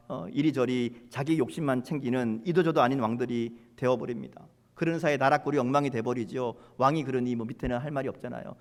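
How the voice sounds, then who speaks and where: A man preaching a sermon as pastor, in a conversational way, acting out prayers with rising emphasis. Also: medium pitch. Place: church sanctuary. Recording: long hall reverb.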